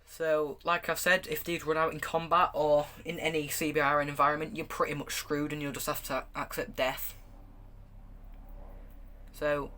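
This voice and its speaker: Holding items up to the camera, a gas mask reviewer gives a casual, hands-on product review. He has a fairly high, sharp voice and talks haltingly, stopping and starting with repeated words. Slight background noise is present.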